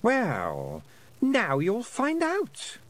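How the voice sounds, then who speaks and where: A man's voice: high-pitched, huge pitch swings, very slow, voice pushed up, exaggerated voice. A man voicing a tall, cruel fairy queen who threatens pleasantly and coldly in an audiobook. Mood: sweetly cruel.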